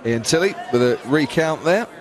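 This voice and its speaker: A man's voice: fairly high pitch, animated, moderate pace. A man giving live darts commentary in a conversational, chatty way. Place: commentary position at darts event. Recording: loud crowd behind commentary.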